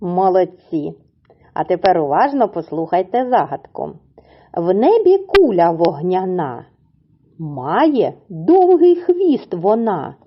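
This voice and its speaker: Heard through dull audio, a woman with a fairly low, slightly rough voice teaches small children, very animated and sing-song. As a preschool teacher, she coaxes them along, slowly drawing each word out syllable by syllable.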